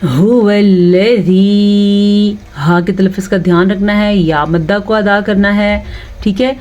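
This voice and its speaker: A woman teaching Quran recitation with tajweed rules, patiently explaining and then reciting words slowly and drawn out, often checking with the listener. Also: mid-range voice, fairly even intonation, darkish tone. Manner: asks the listener rhetorical check questions.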